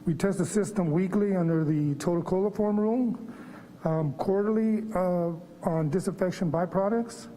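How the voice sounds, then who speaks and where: Speaking at a normal speed in a mellow voice that sits high, a man delivers a formal staff presentation as water quality manager. The setting is a public board meeting room, and his face mask muffles him slightly.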